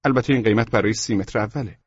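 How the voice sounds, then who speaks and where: A man voicing a courteous male junk-store salesman with pleasant, smooth sales patter, on a dull lo-fi recording. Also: lowish voice, no room sound, voice pushed up.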